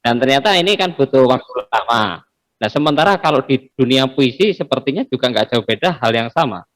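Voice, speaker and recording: A man's voice: mid-range voice, expressive, fairly quick, fairly bright tone. A man moderating an online community meeting, chatty and a bit hesitant, commenting before handing over to guests. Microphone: video call.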